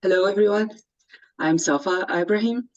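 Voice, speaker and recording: A woman's voice: medium pitch, moderate pace, darkish tone. A woman originally from Egypt introducing herself on a video call, hesitant and full of fillers. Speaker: fellowship participant. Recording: dull, dry video-call audio.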